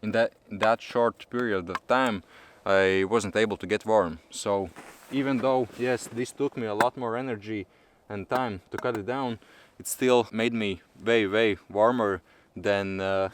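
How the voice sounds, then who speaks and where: Low-voiced man vlogging casually outdoors. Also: fairly even intonation, measured pace, hardly any pauses, slight background noise. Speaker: camping vlogger. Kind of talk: casual vlog narration to camera. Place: outdoors in a snowy winter forest.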